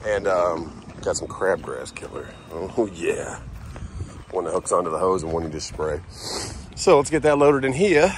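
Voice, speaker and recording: Low-voiced woman, chatty and offhand, vlogging on a handheld phone; lively pitch, noisy background. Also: normal speed. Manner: chatty, offhand, laughs at herself. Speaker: vlogger, trucking dispatcher wife. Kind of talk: casual vlog narration. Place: car, yard and home, in and out of doors. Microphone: handheld phone camera.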